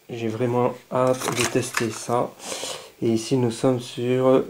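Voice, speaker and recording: Hobbyist man, casual unboxing chat, relaxed mellow tone, eager and rambling. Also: medium pitch, a little hiss or hum. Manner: chatty, enthusiastic, thinking aloud; reads labels aloud haltingly. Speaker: scale model hobbyist.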